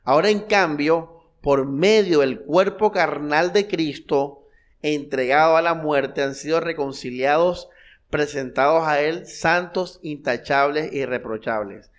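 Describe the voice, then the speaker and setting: A man from the preaching a sermon. He speaks with fervent repetition, asks the congregation rhetorical questions, and swings between soft, low passages and loud, high bursts. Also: a little slow. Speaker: pastor. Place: church hall.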